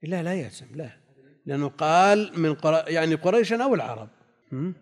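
A male religious teacher giving a classical text lesson. He reads quoted passages slowly, repeats key phrases and answers students' questions. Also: on the high side, animated. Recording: long hall reverb.

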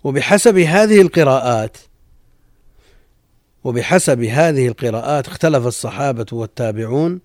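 Male sheikh giving a lesson, measured reading, mid-range voice, dry sound. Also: mid-range voice, lively intonation, a little mellow, no echo. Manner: measured, repeats lines for emphasis. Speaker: sheikh teaching a text. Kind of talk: reading and explaining classical jurisprudence.

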